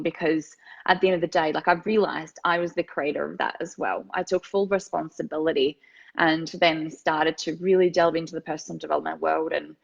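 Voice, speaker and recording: This podcast guest, a woman in her thirties from Finland, has a low-pitched, creaky voice. She earnestly recounts her life story in an interview over a remote call, frequently repeating words while thinking, and the call audio sounds dull and lo-fi.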